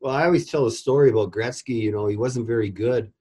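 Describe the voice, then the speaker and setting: A middle-aged former goalie coach tells stories in a casual interview, his mid-range voice quick, dark and a bit breathy. He rambles and repeats words each time he restarts a sentence.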